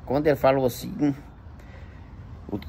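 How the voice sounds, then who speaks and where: A man with a Brazilian Portuguese accent gives an emotional religious testimony about his own experience, his pitch rising whenever he retells dialogue. His voice is steady and dark-toned, a little slow, with a little hiss or hum in the background.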